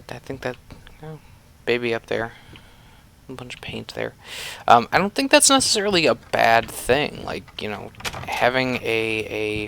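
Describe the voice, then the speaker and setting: A man giving casual, rambling commentary while playing a horror game, often with fillers and low mutters. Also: gravelly, a bit bright. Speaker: game reviewer. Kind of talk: casual let's-play commentary.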